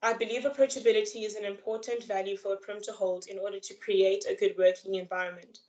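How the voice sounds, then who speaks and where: A young woman who is a student candidate delivering a prepared campaign speech over a video call, earnest, measured and formal. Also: mid-range voice, level tone, darkish tone, poor audio. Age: young adult.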